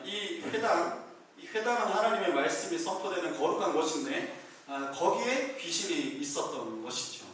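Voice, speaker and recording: A man with a fairly high voice preaches in a relaxed, talky way, acting out the scenes as he goes. The room is very echoey, and he sounds some way from the mic, with faint noise underneath. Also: recorded from a distance. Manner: lively storytelling, acting out scenes. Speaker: pastor. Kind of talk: conversational sermon. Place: small church room.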